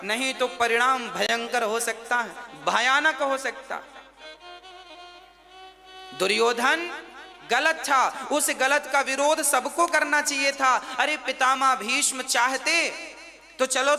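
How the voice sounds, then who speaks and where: A man's voice: very high voice, bright, forceful tone. A man telling a devotional story as a sermon, urging the listeners directly as he preaches to an audience in a large hall. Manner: exhorting, addresses listeners directly. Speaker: religious storyteller. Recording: reverberant hall with instrumental music.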